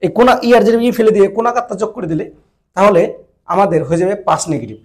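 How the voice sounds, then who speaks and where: A man's voice: high voice, lively intonation, very fast. A man teaching a grammar lesson, repeating each point and often checking that his listeners follow. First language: Bengali. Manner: repetitive, checks understanding often. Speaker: Japanese language teacher. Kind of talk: classroom-style grammar lesson.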